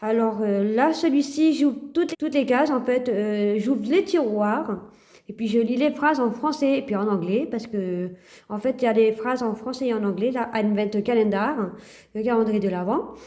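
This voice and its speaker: A woman chatting casually to her phone camera in a vlog. Her voice sits a little high but sounds warm and mellow, and she stops often to search for words before she goes on. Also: normal speed. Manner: hesitant, many fillers and restarts. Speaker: vlogger.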